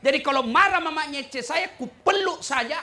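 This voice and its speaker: Makassar-accented male preacher, bright forceful tone, jokey sermon, pitch swinging wide. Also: brisk. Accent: Makassar Indonesian. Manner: joking, animated, rhetorical questions. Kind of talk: humorous sermon.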